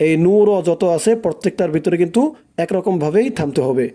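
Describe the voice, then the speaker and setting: A man with a mellow, fairly high voice moves briskly through a recitation lesson. He sounds out words in syllables, draws out the recited lines, and gets listeners to repeat them.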